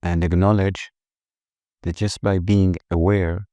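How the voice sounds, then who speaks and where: The meditation comes from a man with a very deep voice who speaks softly and slowly, holding an even tone and pausing soothingly between phrases. The recording is close, dry and muffled.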